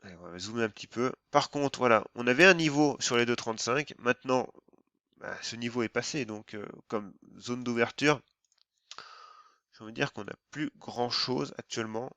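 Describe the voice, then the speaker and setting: A man's voice: medium pitch, normal speed, bright, forceful tone, dry recording. A man walking through stock charts in an informal technical-analysis talk, thinking aloud in loose, hesitant, broken phrasing.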